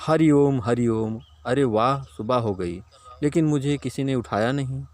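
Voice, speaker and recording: A man's voice: medium pitch, unhurried, a little mellow, natural voice. A man voicing a lazy, gluttonous fat village man who scolds and grumbles at everyone. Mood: grumbling, bossy.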